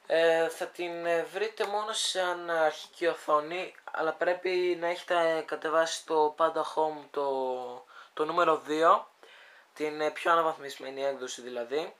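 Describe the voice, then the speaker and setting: A speaker with a smooth, clear voice walks viewers through a phone app at a middle pitch. The delivery is halting, full of pauses and restarts while thinking aloud, and addresses the audience like friends. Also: fairly bright tone. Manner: hesitant, thinking aloud, many fillers. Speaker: video creator demonstrating a phone app. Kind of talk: casual screen demo walkthrough.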